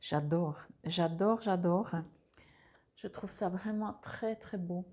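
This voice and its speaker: A woman's voice: on the low side, slow, warm tone. A woman doing a casual monthly card reading on a clip-on mic, hesitant, with many fillers and restarts. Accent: Swiss French. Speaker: tarot card reader.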